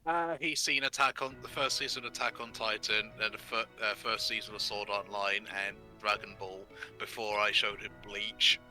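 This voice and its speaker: A man's voice: fairly low pitch, fairly even intonation, normal speed, few pauses, sharp tone, faint music behind, low-quality recording. A young man streaming a game, chatting casually and rambling with many restarts and casual swearing. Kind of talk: casual chat while gaming.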